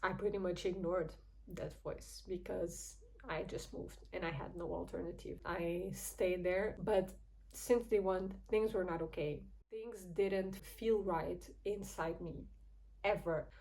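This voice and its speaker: A woman's voice: fairly low pitch, fairly even intonation, slow, vocal fry, rough recording. A young woman from Portugal with a Portuguese accent, speaking English as a second language, hosting her channel and telling a personal story in a chatty, candid way. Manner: chatty and candid, with frequent soft laughs. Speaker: YouTube channel host. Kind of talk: casual personal storytelling to camera.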